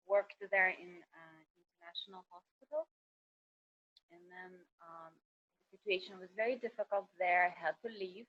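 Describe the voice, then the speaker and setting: A middle-aged woman from Kazakhstan, a doctor speaking over a video call, halting and searching for words with many fillers. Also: fairly low pitch. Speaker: emergency doctor, guest. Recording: dull, lo-fi internet call audio.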